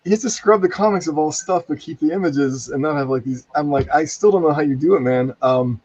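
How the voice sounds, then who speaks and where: Speaking briskly in a slightly high, somewhat mellow voice, a man rambles through an anecdote in casual animated chat, often quoting himself. The recording is dry with no room sound, over a dull lo-fi connection.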